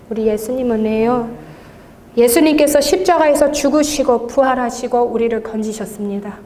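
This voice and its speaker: A woman who leads intercessory prayer tells an animated testimony at a church service, often laughing as she talks. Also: on the high side, slight background noise. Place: church sanctuary. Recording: long reverb of a large church hall.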